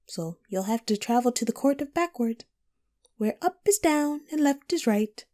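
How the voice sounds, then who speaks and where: A woman voicing a teasing, riddling female cat from Wonderland in an audio roleplay, coy and playful with drawn-out, whimsical phrasing. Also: a little high, animated, mellow, close to an everyday voice. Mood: welcoming, intrigued. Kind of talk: scripted audio roleplay addressed to the listener.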